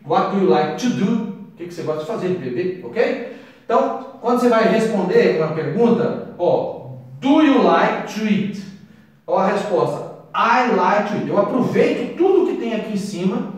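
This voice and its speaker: A Brazilian man teaching English, explaining phrases at a board and slowing right down on each English example. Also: high voice, expressive. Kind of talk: explaining at a whiteboard. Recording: echoey room, voice from a distance.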